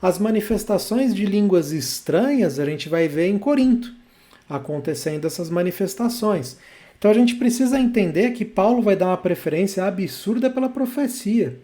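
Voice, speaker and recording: High-voiced man teaching a Bible class. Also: lively intonation, normal speed, warm tone. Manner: emphatic, repeats key points. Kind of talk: church Bible lesson.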